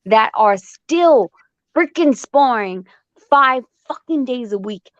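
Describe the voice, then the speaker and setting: A woman's voice: on the high side, animated, slow pace, dry recording. A woman who trains boxers, telling blunt, profane stories during a casual panel chat, with a muffled, dry sound. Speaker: boxing trainer.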